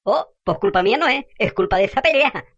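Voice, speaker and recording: A fiery, foul-mouthed gossip. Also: female voice, fairly high pitch, animated, fast, dull audio. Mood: defensive. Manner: indignant rants with rural slang.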